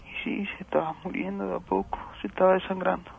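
Grieving dad on a phone call, gravelly voice, stumbles and repeats words, faint hiss on the line. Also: male voice, sits high, level tone. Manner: halting, repeats words, emotional. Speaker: interviewed father. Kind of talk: phone interview.

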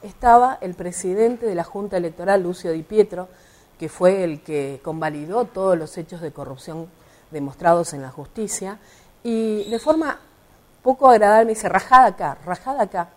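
A woman's voice: fairly low pitch, normal speed, darkish tone. A middle-aged Argentine woman and lawyer, telling an interviewer with indignant emphasis about an incident, acting out the quoted dialogue. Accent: Argentine Spanish (rioplatense voseo). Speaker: interviewee, party representative and lawyer.

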